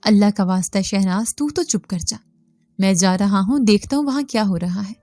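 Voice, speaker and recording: Woman reading as a fussy worried husband, blunt and urgent, warm mellow tone, dry close sound. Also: medium pitch, animated, no echo, close to an everyday voice. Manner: scolding, urgent questions.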